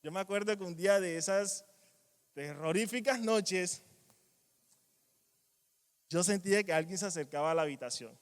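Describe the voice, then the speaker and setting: A man preaching a sermon in a church, animated, acting out quoted cries and dropping to quiet asides. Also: high-pitched, normal speed, long pauses, smooth. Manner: animated, acts out quoted voices, strong swings in loudness. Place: church hall. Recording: long church reverb.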